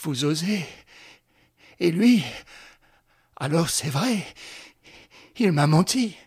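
A stunned young woman, read by a male audiobook narrator, stammering in disbelief. The husky voice stays quiet and close to his own. It sounds hurt and angry more than loud. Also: on the high side, expressive, slow, no echo, pitched above the performer's own voice, exaggerated voice.

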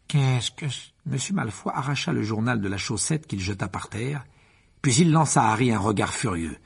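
Expressive male audiobook narrator with a husky voice. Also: brisk. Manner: expressive, shifts pitch widely for dramatic moments. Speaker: audiobook reader. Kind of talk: scripted narration.

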